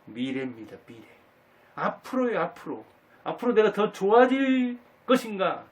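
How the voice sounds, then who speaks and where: A man gives a monologue lecture, his pitch rising and falling with lively swings. He presses his points with rhetorical questions and emphatic repetition. His voice sounds slightly distant from the microphone. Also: normal speed. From Jinan, Jeolla, South Korea. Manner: emphatic, asks rhetorical questions and repeats key words. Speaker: channel host giving a life talk. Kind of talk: monologue lecture on happiness in old age.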